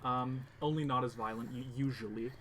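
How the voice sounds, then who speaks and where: Game master man, mid-pitched, casual and halting. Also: steady tone, fairly bright tone, slight background noise. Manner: casual, halting, with many fillers. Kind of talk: narrating a tabletop game.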